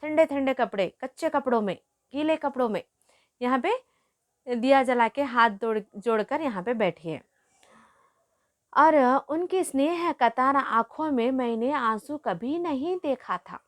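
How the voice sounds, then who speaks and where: Woman teacher, higher register, patient, glosses words for kids. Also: animated, unhurried. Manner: repeats and glosses hard words, calls pupils "beta". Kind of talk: explaining a Hindi lesson story to pupils.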